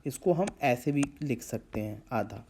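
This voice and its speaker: A man's voice: mid-range voice, animated, unhurried, warm tone. A man teaching a grammar lesson to schoolchildren, explaining patiently step by step and drawing out vowel sounds to show pronunciation.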